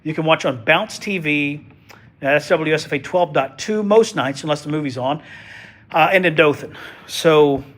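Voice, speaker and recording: His pitch is fairly high, his pace moderate, and his tone a bit bright. Nursing a head cold and sniffling, this TV meteorologist chats folksily through a live weather stream, keeping it casual with joking asides.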